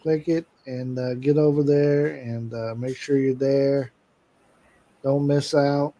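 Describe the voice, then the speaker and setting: A man co-hosting a casual live stream with his wife, chatting loosely, thanking viewers by name and filling pauses with "uh". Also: mid-range voice, fairly even intonation, muffled recording. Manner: chatty, shouts out viewers, many "uh" fillers.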